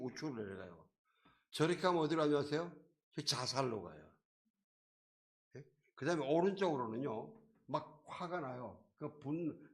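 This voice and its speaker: A man pastor delivering a sermon in a church. He talks at an ordinary middle pitch and keeps changing his loudness, falling to hushed lines and then rising to loud ones. He often steps into quoted voices to act out a scene. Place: church sanctuary.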